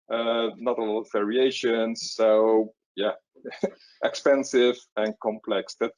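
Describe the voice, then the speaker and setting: Dutch-accented guy, middle-aged, lowish voice, keeps tripping and repeating words on a webinar panel. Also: a little mellow, poor audio. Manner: halting, repeats words often, chuckles at himself. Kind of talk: conversational webinar panel talk.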